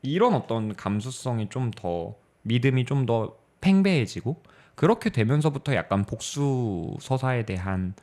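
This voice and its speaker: In a relaxed literature discussion, this young podcast co-host thinks out loud, reflective and measured, frequently stopping with filler sounds as he searches for words. His middle-register voice is a little mellow, and its pitch rises and falls considerably as he argues.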